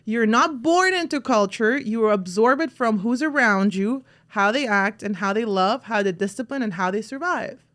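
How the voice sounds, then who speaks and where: A woman from Russia hosting a casual podcast, telling stories in a chatty, animated way with lots of restarts. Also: a little high, moderate pace, few pauses. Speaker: podcast host.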